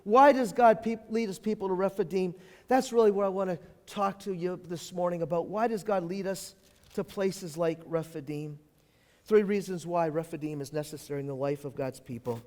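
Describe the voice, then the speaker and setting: High-voiced man preaching in echoing church. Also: moderate pace. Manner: emphatic, repeats key phrases, swings from loud to hushed. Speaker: pastor. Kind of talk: sermon. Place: church sanctuary. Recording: long hall reverb of a church.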